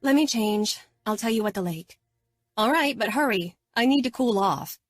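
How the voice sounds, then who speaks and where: A woman's voice: a little high, expressive, moderate pace, no echo, pitched above the performer's own voice. A woman voicing a sassy, teasing teenage girl who talks in a mocking sing-song.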